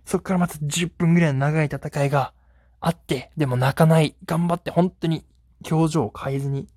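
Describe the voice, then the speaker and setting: A man's voice: fairly high pitch, fairly even intonation, brisk, darkish tone, dry recording. A man hosting a solo podcast, telling a rambling, self-deprecating story in a casual way, close to the mic. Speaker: podcast host.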